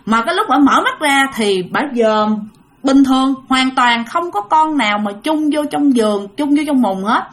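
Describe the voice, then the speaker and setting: A woman's voice: high-pitched, animated, moderate pace, a bit bright. A woman with a Southern Vietnamese accent telling a ghost story in a chatty way, speaking directly to her listeners. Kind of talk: casual ghost-story narration.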